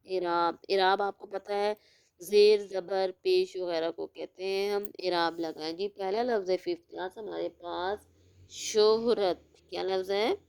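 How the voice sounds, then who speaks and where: A woman's voice: fairly low pitch, steady tone, vocal fry, darkish tone, clear, resonant tone. A woman teacher giving a recorded lesson, asking the class questions and then answering them herself. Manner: stretches out words slowly when spelling. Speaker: school teacher.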